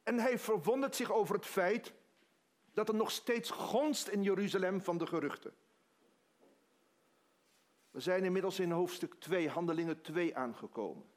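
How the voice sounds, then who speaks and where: High-voiced male preacher. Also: moderate pace, long pauses. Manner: dramatic retelling with quoted dialogue. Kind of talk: sermon storytelling.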